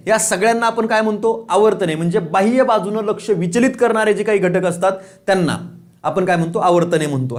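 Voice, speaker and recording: A man teaching an online exam-prep lesson. He asks questions, answers them himself, repeats key points and chuckles now and then. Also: high voice. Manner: repeats key points, says "lakshat theva"; casual, chuckles and teases students.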